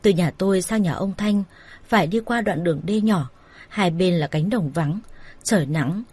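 A woman narrating a first-person romance story in a plain, steady voice. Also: lowish voice, normal speed, breathy edge. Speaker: story reader.

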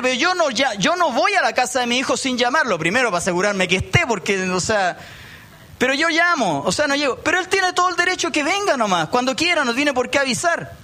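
High, bright-voiced Chilean pastor preaching. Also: male voice. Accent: Chilean Spanish. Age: middle-aged. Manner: conversational preaching with asides to the congregation. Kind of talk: sermon. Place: church meeting hall.

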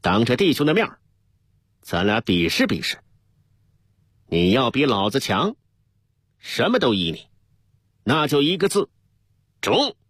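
A man's voice: mid-range voice, very animated, a little slow, long pauses, a bit bright, slightly rough, no room sound, clean studio sound, pitched above the performer's own voice, exaggerated voice. A man voicing a brash, defiant army deputy squad leader who picks a fight with his commander, in a read-aloud radio story. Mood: taunting. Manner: defiant, taunting.

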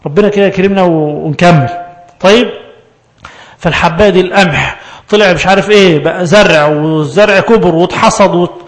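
Animated Egyptian man teaching Quran verses. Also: high-pitched. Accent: Egyptian Arabic. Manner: animated, rhetorical questions, quick asides. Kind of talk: religious lesson on Quran verses.

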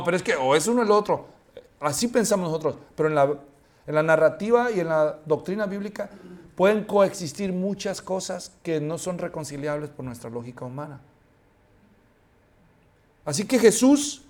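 A male pastor preaching a sermon, animated, acting out dialogue and asking the congregation questions. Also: a little high.

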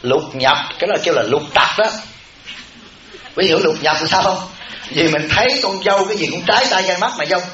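A man's voice: sits high, expressive, fairly quick, bright, forceful tone, a little hiss or hum. A man, a Buddhist monk, giving a humorous dharma talk, folksy and teasing, repeating words for comic effect. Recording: echoey, dull room recording with audience. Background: audience laughter.

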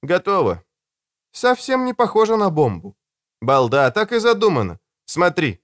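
Brief: a man doing an earnest teenage boy inventor in an audiobook, a bit higher than the narrator's own voice, dry studio sound. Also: huge pitch swings, normal speed, a bit bright, no echo, heavily acted. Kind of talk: audiobook character voice.

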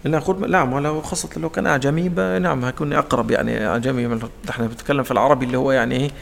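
A man's voice: medium pitch, fairly even intonation, very fast, gravelly, a bit bright, big-room sound, a little hiss or hum. A man with an Egyptian accent teaching Quran recitation, asking his own questions and acting out the sounds. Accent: Egyptian Arabic. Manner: asks his own questions and answers them, demonstrates sounds. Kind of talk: explanatory lesson in colloquial speech.

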